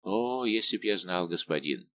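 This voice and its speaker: A fat old manservant, put on by a male reader, plaintive and deferential, sighing over his aching legs. The voice sits low and rolls through wide swings of pitch. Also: lively intonation, moderate pace, pushed and bright. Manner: lamenting, deferential. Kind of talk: audiobook character voice.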